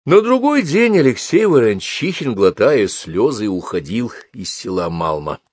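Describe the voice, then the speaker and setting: A man narrating a literary story aloud in an expressive reading voice. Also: mid-range voice, measured pace, husky, dry recording, studio quality. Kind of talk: audiobook narration.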